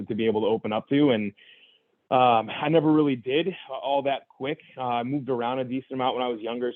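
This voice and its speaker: A medium-pitched male voice comes through dry on a tinny phone-style line. The young adult guest talks earnestly and reflectively about his own experiences, frankly and conversationally, with lots of false starts and "you know"s.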